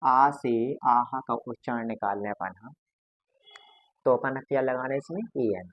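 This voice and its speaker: A man's voice: mid-range voice, unhurried, dry recording, muffled recording. A man teaching a grammar class to students, patiently going over each point again and again. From India.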